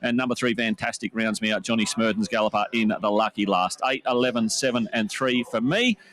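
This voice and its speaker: A man's voice: lowish voice, brisk, a bit bright. A man hosting a horse racing broadcast, talking through form and his tips. He keeps it chatty and light, with a storyteller's jokey touch. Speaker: racing presenter.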